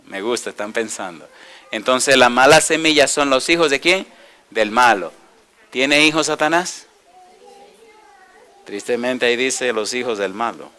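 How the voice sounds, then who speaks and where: Bright-voiced pastor preaching. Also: male voice, medium pitch, animated, smooth. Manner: asks the audience questions and answers them himself; reads scripture slowly and deliberately. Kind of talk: sermon.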